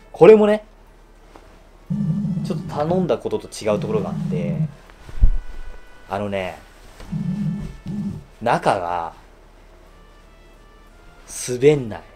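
Lively, chatty Japanese man. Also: slow pace, pauses often, soft background music. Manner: chatty, laughs often, lively swings in pitch. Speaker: shoe-shine YouTuber reviewing his bespoke suit. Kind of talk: casual show-and-tell review.

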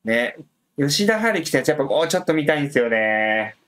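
A man's voice: on the high side, very animated, fairly quick, fairly bright tone. A man hosting a casual live stream, thinking aloud with many fillers and reading out viewer comments. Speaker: livestream host previewing a soccer match.

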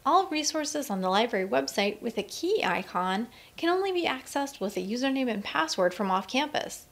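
A woman with a slightly high voice reads a scripted walkthrough of a library website. Her delivery is clear and friendly, like a librarian guiding students step by step. It is a plain voice-over with nothing behind it. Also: sing-song, moderate pace. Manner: clear, friendly instructional reading. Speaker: librarian giving a website tour. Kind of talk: scripted screencast narration.

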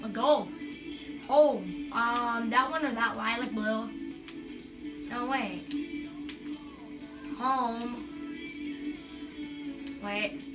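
High-voiced excitable woman gamer. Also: extremely slow, long pauses. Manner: excitable, sing-song chanting and playful whining. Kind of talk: playing a soccer video game. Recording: loud game music behind.

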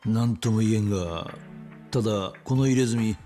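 Guy doing a serious older-ish detective in a game, really deep voice, terse and grim. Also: moderate pace, warm tone, faint music behind, lightly acted. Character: grim, matter-of-fact middle-aged male police detective. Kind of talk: dramatic video game acting.

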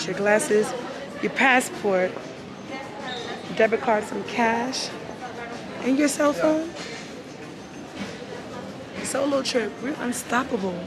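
A woman's voice: on the high side, drawn-out words, long pauses, crowd noise. A woman travel vlogger talking casually through a face mask, chatting straight to her viewers in an airport. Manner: chatty, addresses viewers directly. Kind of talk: casual vlog talk to camera. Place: airport terminal, indoors.

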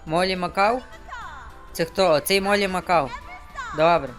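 A man's voice: high voice, normal speed, fairly bright tone. A man streaming a game and chatting casually to himself, joking as he plays. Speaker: gameplay streamer. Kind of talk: casual let's-play commentary. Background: game music.

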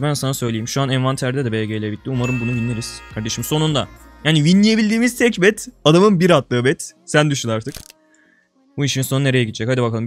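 A young man talks through his gameplay for viewers in a casual, slangy buddy tone. He swings from loud excited outbursts down to low grumbling mutters. Faint music plays softly under his voice. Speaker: gaming video creator.

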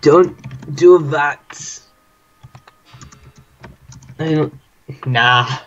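A man's voice: a little high, extremely slow, a bit bright, muffled recording. A young man playing an online game and chatting casually with a friend, swearing and joking. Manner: sweary, laughing, banter. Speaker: let's play commentator. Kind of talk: casual gaming chat.

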